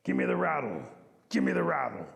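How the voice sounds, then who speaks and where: A man's voice: a little high, sing-song, fairly quick, gravelly, full character voice. Fussy shushing bullfrog in a told animal story, voiced by a male storyteller; hall reverb. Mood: insistent. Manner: insistent shushing.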